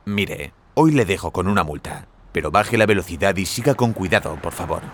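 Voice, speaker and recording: An actor playing a polite male highway police officer in a scripted dialogue for learners, firm, formal and courteous. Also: expressive, a little fast, a little hiss or hum.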